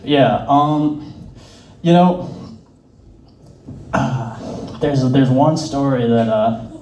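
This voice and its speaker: A man's voice: mid-range voice, extremely slow, dark tone. A young man telling stand-up stories in a rambling way, full of fillers, laughing at his own jokes. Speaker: stand-up comedian. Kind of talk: stand-up storytelling. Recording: roomy, distant mic.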